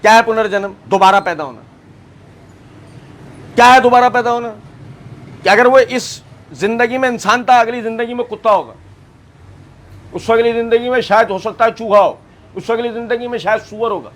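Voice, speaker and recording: A man's voice: very high-pitched, pauses often. A male preacher giving a sermon on scripture, firing rhetorical questions at his listeners and acting out the voices he quotes. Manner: lively, acts out quoted voices. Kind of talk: Quran commentary sermon.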